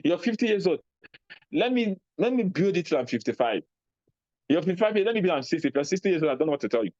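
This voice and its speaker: Animated Nigerian man giving a motivational talk. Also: on the high side, fast talker, dry recording, highs cut off. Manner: animated, acts out scenes in a raised voice. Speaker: speaker on personal finance.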